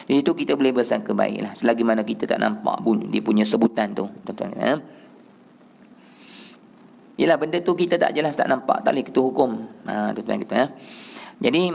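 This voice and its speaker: Malaysian male recitation teacher, mid pitch, gravelly edge, alternates plain explanation with slow chanted modeling. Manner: explains pronunciation, then chants the verse slowly as a model. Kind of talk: mosque class on Quran recitation. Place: prayer hall.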